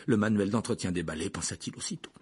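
A man narrating a children's novel as an audiobook, dramatic and lively storytelling. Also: lowish voice, quick pace, breathy edge. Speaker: audiobook reader.

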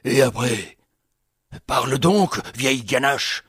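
A man's voice: mid-range voice, lively intonation, slow, a bit bright, dry recording, clean studio sound, exaggerated voice. A man playing a furious young army captain who barks threats and scornful jibes in an audiobook. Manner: gruff threats and scornful laughter.

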